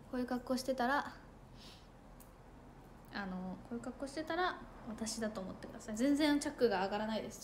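A young woman chats with her viewers in a fast, bubbly patter, her voice sitting a little high. She thanks them for gifts and trips over words now and then. Faint room ambience hums behind her phone mic. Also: a little hiss or hum. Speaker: idol livestreamer. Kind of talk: casual livestream chat with viewers.

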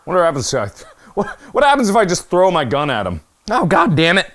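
A young man giving let's play commentary on a virtual reality zombie shooting game, swearing and joking, dropping to mutters and jumping to yelps and shouts. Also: sits high, wildly swooping pitch, a little fast. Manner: swears and jokes while playing. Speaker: gaming YouTuber.

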